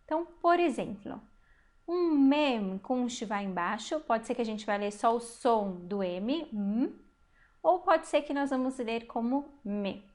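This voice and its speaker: A woman teaching a recorded Hebrew lesson, patiently explaining step by step, asking the learner questions and sounding out words slowly. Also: fairly high pitch, expressive, a little mellow.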